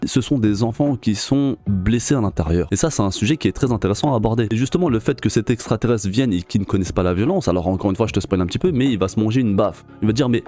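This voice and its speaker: A man's voice: on the low side, mellow. A man giving a casual, slangy manga review straight to the viewer. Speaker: manga reviewer, video host.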